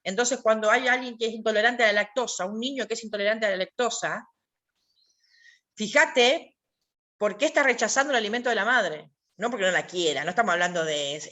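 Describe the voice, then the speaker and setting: An Argentine woman teaching a class in an emphatic, conversational way. She repeats key words for weight and checks in with quick rhetorical questions. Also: mid-range voice, sharp tone. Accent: Argentine Spanish. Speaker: workshop teacher. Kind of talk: online class lecture.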